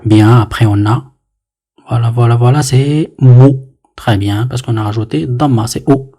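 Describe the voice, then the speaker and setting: A man teaching letters and vowels in a patient, step-by-step lesson, slowly repeating each sound and often saying "très bien". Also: medium pitch, mellow. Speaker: Arabic teacher.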